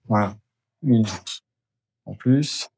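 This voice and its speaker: Very slow and gravelly, with a slightly mellow, breathy edge, this man's lowish voice comes through a dry recording. He's a geobiologist doing an energy clearing indoors, moving from room to room of a house and explaining each step to the camera as he works.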